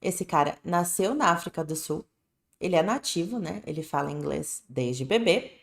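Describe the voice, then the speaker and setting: A low-voiced woman with lively intonation, a moderate pace, and vocal fry teaches English on a live stream. Her Brazilian Portuguese accent comes through as she stays casual and direct, checking in often with "né?" and "tá bom?". The room is echoey.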